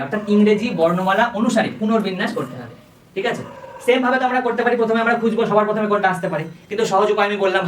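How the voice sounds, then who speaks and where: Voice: medium pitch, echoey room, recorded from a distance, slight background noise, poor audio. A teacher gives an exam-prep lecture. They explain step by step and keep checking that the class follows. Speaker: coaching teacher.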